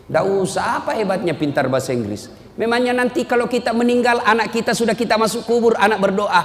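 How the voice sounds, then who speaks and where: High-voiced joking preacher. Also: male voice, quick pace, long reverb tail, slight background noise. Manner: lively, joking, calls out to the audience. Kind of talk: humorous sermon. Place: gathering at an Islamic boarding school.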